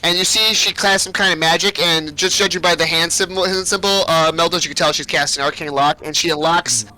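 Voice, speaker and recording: A man's voice: fairly high pitch, steady tone, fairly quick, sharp tone, rough recording. A man narrating as game master of a tabletop game, rambling loosely with plenty of fillers.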